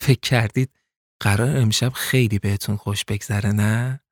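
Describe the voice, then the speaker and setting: A man's voice: fairly low pitch, fairly even intonation, dry recording, studio quality. A man voicing a cold, seductive female gang boss who mocks and threatens her captives. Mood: taunting. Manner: mocking, taunting, menacing.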